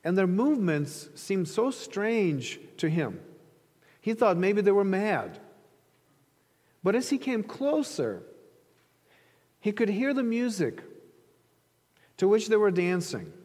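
Preaching to an audience in a big echoing hall, a man from Ukraine tells his sermon like a conversation, leaning on stories. His high, slightly mellow voice has a sing-song lilt, and he speaks slowly with frequent pauses.

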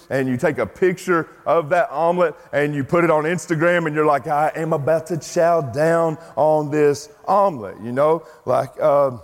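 A male pastor preaching a sermon in a conversational, animated storytelling way, sometimes putting on mock voices. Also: a little high, in a large hall. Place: church sanctuary.

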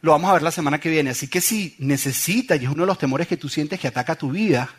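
A man's voice: a little high, quick pace, breathy edge. A middle-aged man, preaching a sermon with funny anecdotes and acted-out voices. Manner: animated storytelling, acts out voices. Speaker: pastor.

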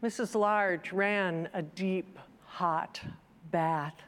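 A woman reading a children's story aloud, then reflecting in a measured, gentle sermon. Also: lowish voice, fairly even intonation. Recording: long hall reverb.

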